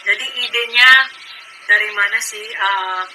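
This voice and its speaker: A woman's voice: medium pitch, steady tone, measured pace, pushed and bright, a little hiss or hum, poor audio. A young Filipino woman with a Filipino accent, a foreigner speaking fluent colloquial Indonesian in a casual vlog style. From Philippines. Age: young adult. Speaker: language student making videos.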